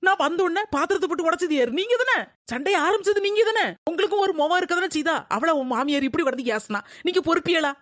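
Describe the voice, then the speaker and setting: Woman as an aggrieved daughter-in-law, high quick voice, indignant, dry sound. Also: a bit bright, no room sound. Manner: indignant, arguing back.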